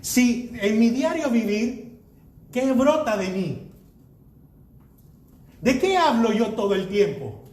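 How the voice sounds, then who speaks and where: High-voiced unhurried preaching man, echoey. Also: big pitch swings, a little mellow. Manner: preaching with rhetorical questions and Bible readings. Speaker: pastor. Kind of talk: sermon.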